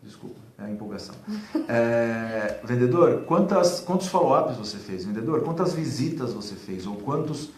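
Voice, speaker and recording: Man, mid-pitch, chatty sales consultant, lots of fillers, echoey room with faint noise. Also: normal speed. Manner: animated, acts out dialogues, many fillers. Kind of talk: casual advice talk.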